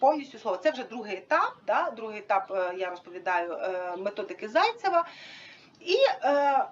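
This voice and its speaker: A woman explains a teaching method to an audience informally and hesitantly, full of fillers, demonstrating with props. Her mid-range voice is sing-song and fairly quick. The audio is dull, with a little hiss or hum.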